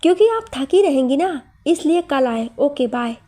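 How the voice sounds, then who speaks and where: A bossy, sarcastic young woman, put on by a woman narrator scolds and mocks in a high voice. The tone stays mellow even while the words cut. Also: normal speed. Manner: scolding, mocking.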